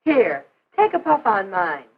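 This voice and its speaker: A woman's voice: medium pitch, sing-song, measured pace, voice pushed down. A woman acting a breezy, insistent teenage hostess who coaxes her friends, in 1950s educational film style. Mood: coaxing. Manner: coaxing, insistent. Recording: noisy, phone-like 1950s film soundtrack.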